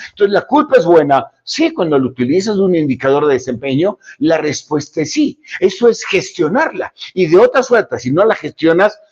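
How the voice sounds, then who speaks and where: Husky Mexican man giving a motivational talk. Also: a little high, a little mellow, lo-fi sound. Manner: reflective, self-deprecating, with rhetorical questions. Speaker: podcast host. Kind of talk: motivational podcast monologue.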